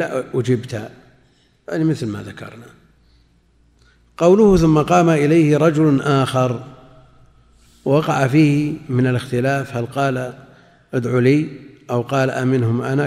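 A man giving a religious lecture, explaining hadith commentary in a measured way and repeating phrases as he goes. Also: medium pitch, vocal fry, a little mellow, big-room sound. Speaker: Islamic scholar.

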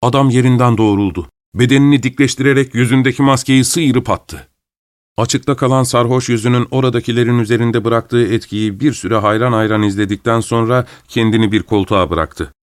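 A man narrating a classic short story in an even, measured reading. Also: mid-range voice, no room sound, studio quality.

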